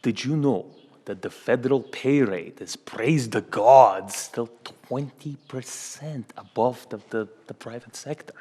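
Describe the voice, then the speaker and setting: A man's voice: medium pitch, warm tone, slightly rough. A man playing a smug Russian union boss. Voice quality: broken English, halting repetitions. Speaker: union spokesman. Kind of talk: comedy sketch acting. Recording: long hall reverb.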